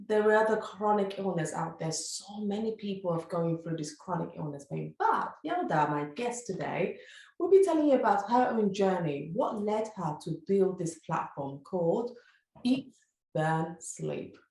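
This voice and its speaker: A woman's voice: fairly low pitch, lively intonation, normal speed, darkish tone, echoey room. A woman hosting a podcast interview, effusive and enthusiastic, sometimes stumbling over her words. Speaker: podcast host.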